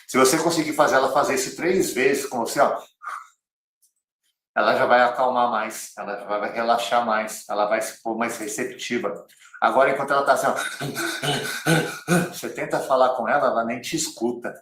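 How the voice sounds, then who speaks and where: A man's voice: mid-range voice, steady tone, moderate pace, a bit bright. A man with a Brazilian Portuguese accent teaching an online cycling lesson, direct and repeating key phrases like a coach. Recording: roomy, slightly distant mic.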